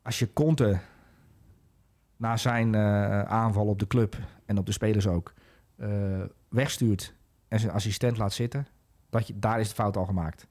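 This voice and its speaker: A man's voice: lowish voice, steady tone, measured pace, darkish tone. A man analysing football in a casual podcast chat, hesitant, with many fillers and restarts.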